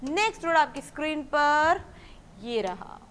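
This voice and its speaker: A high-voiced woman with wide pitch swings and a fairly bright tone teaches exam students English vocabulary. She takes each word step by step, questions herself and supplies the answers, and reads the English example sentences slowly and clearly.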